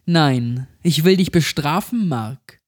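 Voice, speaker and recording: A man with a fairly high, expressive voice speaks slowly as a mutilated little girl in a horror story, her voice raised and thin. Weak at first, she grows enraged, bitter and accusing, in a vengeful mood.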